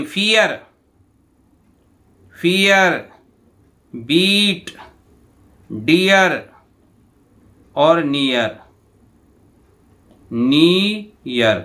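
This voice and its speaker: A male teacher, going through exam answers and repeating each word slowly to his students. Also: sits high, pushed and bright. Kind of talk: exam answer walkthrough lesson.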